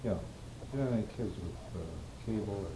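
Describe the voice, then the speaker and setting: A man in an interview, relaxed and telling anecdotes. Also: fairly low pitch, normal speed. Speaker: interview participant. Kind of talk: conversational storytelling. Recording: roomy, hissy old tape.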